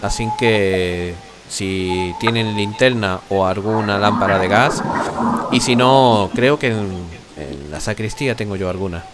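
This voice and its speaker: A man's voice: fairly low pitch, unhurried, lightly acted. A man voicing a kindly, humble priest in a tabletop game, with a Castilian accent and a courteous, hesitant manner. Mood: obliging. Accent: Castilian Spanish. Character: kindly, humble, talkative male church priest. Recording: faint noise on voice chat.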